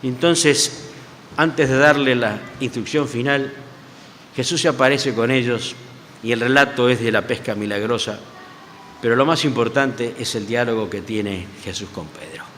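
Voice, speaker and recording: An older man from Uruguay with a Uruguayan Spanish accent, preaching a sermon. He tells the story with animated, stammering restarts. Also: medium pitch, measured pace, slight background noise. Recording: church hall with long reverb.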